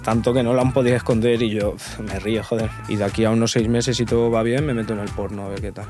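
A man in his twenties from Portugal, a podcast guest chatting casually and relaxed, laughing often and trailing off softly. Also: fairly low pitch, quick pace, faint music behind. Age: 20s. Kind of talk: casual chat.

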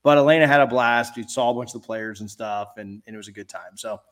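A middle-aged man chats casually as a podcast co-host. He rambles in a laid-back, hesitant way, with an ordinary mid-pitched voice. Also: fast talker, fairly bright tone. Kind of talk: casual chat.

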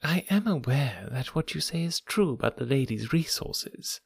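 A man voicing a smug, oily gentleman blackmailer in a soft, breathy, half-whispered purr, silky and mocking. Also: mid-range voice, animated, normal speed, dry recording, clean studio sound, pitched above the performer's own voice. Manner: silky and mocking, lingering on words. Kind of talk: audiobook character reading.

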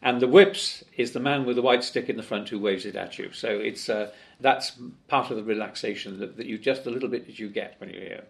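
This older Welsh guest, speaking in a Parliament office, has a lowish voice with vocal fry and a slightly fast pace. The interview is conversational, and he chats along with plenty of fillers and restarts.

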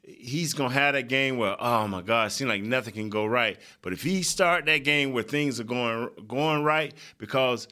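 A man's voice: medium pitch, normal speed, hardly any pauses, sharp tone. A man giving casual, rambling football analysis in colloquial speech as a show panelist.

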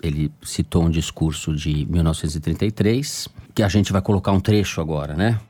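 A man hosting a political discussion podcast, recapping events and posing questions to the panel in a measured way. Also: low-pitched, fairly even intonation, darkish tone. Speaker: podcast host. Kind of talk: political talk show moderation.

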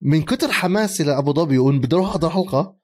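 A man, co-hosting a casual sports chat. He is animated, laughs often and mixes English phrases into his speech. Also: fairly high pitch, very fast. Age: 30s. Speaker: podcast co-host.

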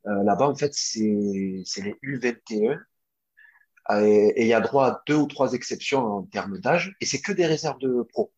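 A young man, a former footballer, telling a long story in a casual interview, animated, with lots of fillers and restarts. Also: mid-range voice, moderate pace, highs cut off.

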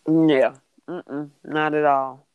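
A co-host in casual chat about a soap opera, acting out the characters' lines in an animated way. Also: mid-range voice, slow pace, phone-quality sound, a crowd in the background.

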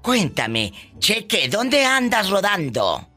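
A man hosting a radio call-in show, teasing callers with flamboyant, quick jokes. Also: high-pitched, wildly swooping pitch, bright, forceful tone, faint music behind. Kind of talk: playful radio call-in banter.

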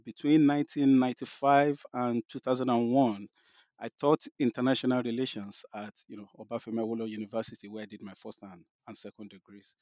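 A man in his fifties with a Nigerian accent, answering interview questions as a guest professor, halting with many fillers and restarts. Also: mid-range voice, a little mellow, no echo.

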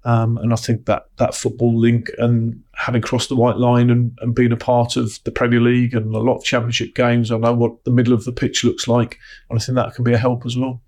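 A middle-aged man gives conversational interview answers as a sports executive. His medium-pitched voice stays very even, measured and businesslike. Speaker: interviewee, football operations executive.

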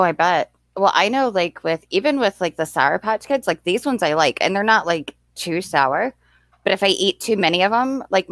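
A woman's voice: fairly low pitch, no echo. A young woman from the United States hosting a livestream, chatting in a rambling way and often thanking viewers. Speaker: livestream host. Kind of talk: casual stream chat.

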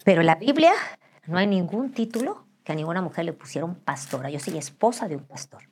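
An older woman with a Mexican accent, the wife of a pastor, appears as an interview guest. Her husky voice sits on the low side and moves a little fast as she tells candid, joking stories and acts out the voices, all in an animated way.

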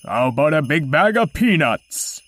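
A woman's voice: low-pitched, very animated, normal speed, breathy edge, heavily acted. A woman voicing a jolly but pushy male mammoth Santa in a children's story. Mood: brusque. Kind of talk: storybook character voice.

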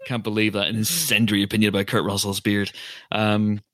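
A Northern Irish man talks in casual, bantering film discussion. His voice is bright and forward, recorded close and dry, and he leans into mock indignation as he makes his points. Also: fairly low pitch, little pitch movement, brisk, dry recording. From Northern Ireland. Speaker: film podcast host.

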